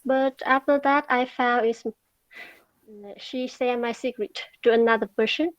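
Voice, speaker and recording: A woman who is a beginner English learner, answering practice speaking questions and searching for words with long pauses. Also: a little high, steady tone, no echo, dull audio.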